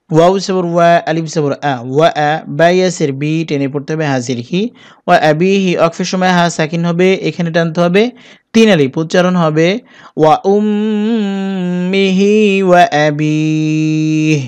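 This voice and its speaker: High-voiced man teaching Quran reading. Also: a little mellow. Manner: slow, drawn-out chanting when reciting whole words; patient, methodical instructions in between. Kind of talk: spelling out Arabic letters and vowels for learners.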